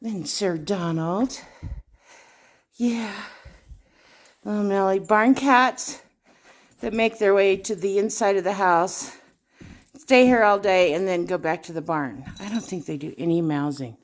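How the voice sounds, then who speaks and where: A woman from Colorado chats at a slow, unhurried pace while she does chores outdoors on a snowy farm. Her voice sits at an ordinary middle pitch. She breaks into high, sing-song baby talk whenever she greets her animals. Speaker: farm vlogger. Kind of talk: casual vlog narration.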